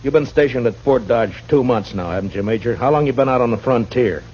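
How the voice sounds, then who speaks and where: A man playing a steady, dry-spoken frontier marshal in an old radio drama. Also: mid-range voice, fairly quick, slight background noise, lightly acted. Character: calm, tough frontier lawman, grown man. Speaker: lead actor as U.S. marshal. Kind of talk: 1950s radio drama acting. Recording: muffled old radio broadcast.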